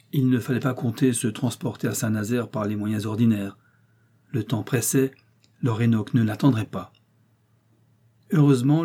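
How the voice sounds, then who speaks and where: Man, storybook narrator, steady reading, mellow, husky. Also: on the low side. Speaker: audiobook narrator.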